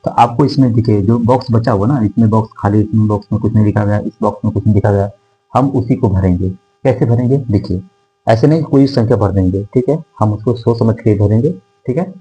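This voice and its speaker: Slow, mellow-voiced math teacher. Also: male voice, lowish voice, slightly rough, faint music behind, low-quality recording. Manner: repetitive, checks in with "theek hai" constantly; dictates numbers slowly digit by digit. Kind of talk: classroom math lesson. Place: classroom with whiteboard.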